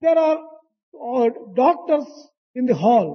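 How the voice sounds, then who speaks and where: An interpreter translating a spiritual discourse in a large hall, speaking haltingly with hesitations. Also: sits high, lively intonation. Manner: slow, halting delivery with hesitations. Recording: dull archival recording with long hall reverb.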